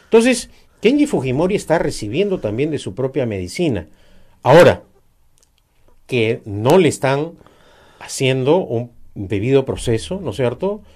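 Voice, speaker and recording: A man's voice: mid-range voice, sing-song, unhurried, a little mellow. A man, giving emphatic, critical political commentary in a discussion, with frequent "eh" fillers.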